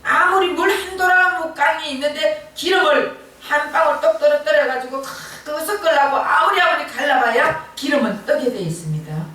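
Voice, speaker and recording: Woman pastor, middle-aged, high voice, conversational sermon with emphatic peaks; distant mic in a very reverberant sanctuary. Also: normal speed, few pauses, sharp tone. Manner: earnest conversational preaching, rising emphatic bursts. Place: church sanctuary at a Friday night service. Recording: very echoey church hall from far off.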